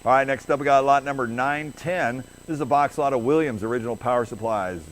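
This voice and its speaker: Man rattling off a rhythmic auctioneer chant. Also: mid-range voice. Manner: rapid, repetitive rhythmic bid chanting. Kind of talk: fast auctioneer chant, calling bids and lots. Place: auction floor with background noise. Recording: noisy live auction room.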